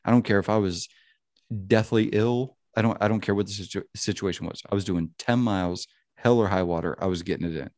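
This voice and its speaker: Podcast host, man in his thirties, very low voice, dry close sound, loose profane storyteller. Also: brisk, darkish tone, no room sound. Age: 30s. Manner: rambling, profane, frequent "you know what I mean". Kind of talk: casual chat.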